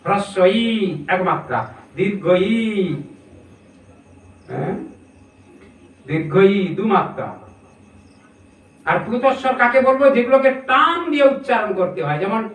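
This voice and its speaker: High-voiced male preacher, echoey room. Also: lively intonation, a little slow, long pauses, a bit bright. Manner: explanatory, asks listeners rhetorical questions. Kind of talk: scripture sermon. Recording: echoey room, distant mic, faint noise.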